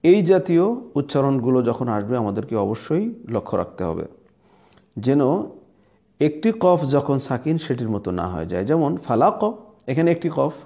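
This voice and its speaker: A man's voice: mid-range voice, sing-song, normal speed, pauses often, warm tone. A man with a Bangladeshi Bengali accent teaching Quran recitation, sounding out letters and words again and again as he explains. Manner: demonstrates letters and words aloud, repeating them. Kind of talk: slow teaching lesson.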